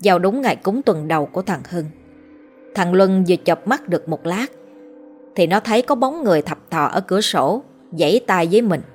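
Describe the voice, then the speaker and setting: A woman reading a horror story aloud in a measured, somber narration. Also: lowish voice, lively intonation, faint music behind.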